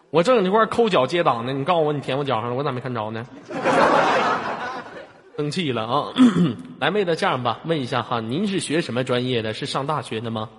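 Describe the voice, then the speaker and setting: A man with a Northeast Chinese accent hosting a live stream, teasing a caller in mock anger and bursting into shouts. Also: mid-range voice, lively intonation, very fast, hardly any pauses, big-room sound. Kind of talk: comic teasing chat with a caller. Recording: loud background noise.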